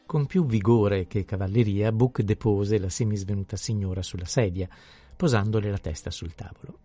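A man calmly reading a novel aloud as an audiobook narrator. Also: fairly low pitch, normal speed, no room sound. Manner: calm, even storytelling. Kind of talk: scripted narration.

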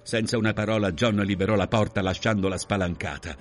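A man narrating a literary novel in a measured, expressive reading. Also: lowish voice. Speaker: audiobook reader.

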